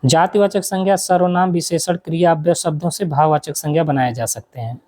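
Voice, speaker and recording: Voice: mid-range voice, fairly even intonation, a little fast, darkish tone. A teacher giving an exam-prep grammar lesson, asking questions aloud and answering them, running through lists of examples, with English words mixed in. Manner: mixes English words into explanations.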